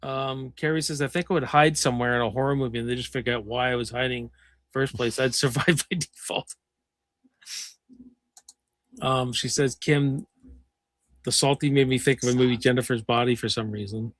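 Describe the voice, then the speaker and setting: A man's voice: mid-range voice, steady tone, normal speed, long pauses, dry recording, clean studio sound. A man hosting a casual livestream chat, reading viewers' comments aloud with lots of fillers. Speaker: livestream host.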